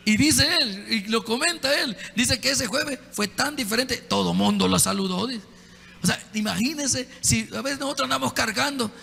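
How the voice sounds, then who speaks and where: A pastor preaching a sermon in a conversational way, often putting direct questions to the congregation. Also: male voice, extremely high pitch, gravelly, sharp tone, big-room sound, a little hiss or hum. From El Salvador. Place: church.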